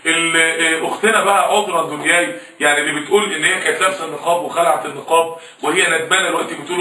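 Man, Egyptian accent, preacher, sharp bright tone, distant roomy mic. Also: high-pitched. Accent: Egyptian Arabic. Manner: impassioned, rhetorical, repeats phrases. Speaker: preacher answering audience questions. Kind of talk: colloquial Egyptian religious talk.

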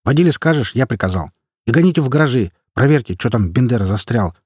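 A man's voice: mid-range voice, lively intonation, fast, darkish tone, breathy edge, dry recording, studio quality. A man voicing a coarse, brutish male gang boss who barks orders and swears crudely. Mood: gruff, bossy.

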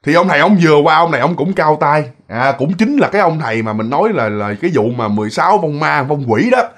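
Chatty Southern Vietnamese ghost-story teller. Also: male voice, fairly high pitch, animated, fast talker. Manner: chatty, addresses listeners, lots of fillers. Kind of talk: casual spoken storytelling.

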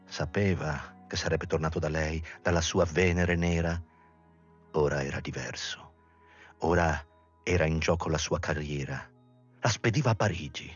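Deep husky man reading a novel. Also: muffled recording, faint music behind. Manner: measured, dramatic storytelling. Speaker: reader. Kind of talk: literary audiobook reading.

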